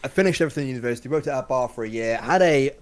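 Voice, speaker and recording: A young British man, a guest on a podcast stream, telling relaxed stories with plenty of fillers. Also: mid-range voice, rapid-fire. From United Kingdom. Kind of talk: casual chat.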